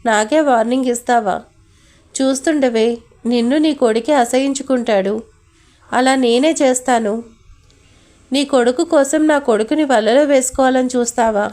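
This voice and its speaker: A woman's voice: high-pitched, moderate pace, long pauses, darkish tone, close to an everyday voice. A woman reading as a spiteful sneering villainess. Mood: vengeful. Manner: sneering, harsh taunting. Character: spiteful cruel middle-aged woman, scornful. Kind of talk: audio story role-reading.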